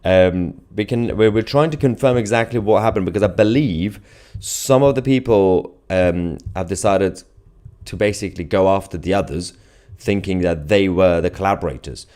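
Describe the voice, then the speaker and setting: A man with a low, warm voice speaks at a moderate pace as host of a live online political news show. He talks to viewers with emphatic, mocking sarcasm.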